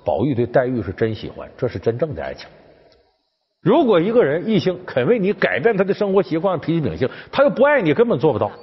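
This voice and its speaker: A man giving a colloquial, animated storytelling lecture on a classic novel, speaking straight to his listeners. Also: on the high side, fast talker. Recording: dull, with background music.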